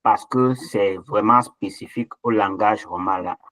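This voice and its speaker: A man's voice: fairly low pitch, measured pace, fairly bright tone, no echo, rough recording. A man patiently explaining letter sounds in an online language lesson. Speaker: language teacher. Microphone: online session microphone.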